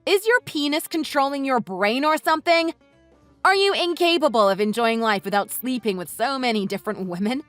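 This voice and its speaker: A woman's voice: sits high, lively intonation, brisk, no echo. Woman voicing a furious, sarcastic wife. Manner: sarcastic, cutting, mocking. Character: furious wife tearing into her in-laws. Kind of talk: read-aloud text-message story. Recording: dry voice with soft music underneath.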